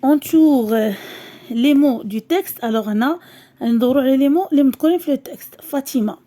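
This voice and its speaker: A young woman with a Moroccan accent teaches a lesson for young children. She speaks slowly and clearly and says each word and syllable more than once. Her voice is fairly high and warm. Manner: slow, clear, repeats words and syllables. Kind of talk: French lesson for young pupils, explained in Arabic.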